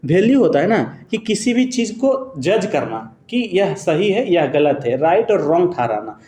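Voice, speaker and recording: A man's voice: high voice, very animated, unhurried, mellow. Man teaching in an echoey room. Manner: explains step by step and quizzes students with rhetorical questions; corrects himself mid-sentence. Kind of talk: exam-prep lesson explaining multiple-choice answers.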